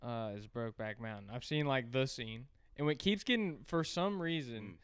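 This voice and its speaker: A man's voice: medium pitch, animated, normal speed, smooth. A man co-hosting a podcast in casual, joking chat, swearing freely and riffing with the others. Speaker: podcast co-host.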